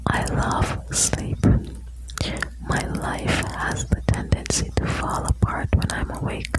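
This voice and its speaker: A woman whispers slowly, right up by the ear, in an ASMR style. She is soothing and intimate, reading short lines and adding chatty asides as if to one listener. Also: low-quality recording. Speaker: ASMR host reading quotes.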